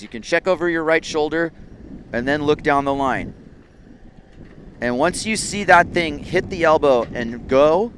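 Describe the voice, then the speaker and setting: A man's voice: mid-range voice, fairly bright tone, slight background noise. A man giving live surf competition commentary in a laid-back, conversational surfer-announcer way.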